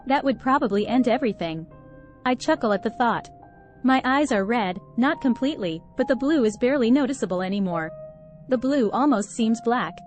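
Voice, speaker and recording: A woman with a fairly high voice narrates a first-person horror story. Her delivery is tense and dramatic. Quiet music plays underneath. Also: expressive, moderate pace. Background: faint background music.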